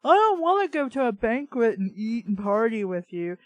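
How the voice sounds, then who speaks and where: On this bad-fiction reading show, the female host's slightly high voice swings widely in pitch as she reads a story at normal speed, interrupting with sarcastic, exasperated, foul-mouthed commentary that is blunt. There is no echo.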